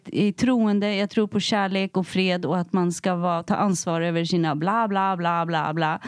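A woman hosting a casual podcast chat with a friend, lively, acting out quoted lines. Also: mid-range voice, no echo. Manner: animated, acts out quotes. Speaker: podcast host.

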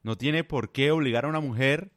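A man delivers a blunt, lecturing monologue. He talks straight to the listener at a middling pitch. The sound is close and dry. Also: brisk, a bit bright, no room sound. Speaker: advice vlogger. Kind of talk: monologue to camera.

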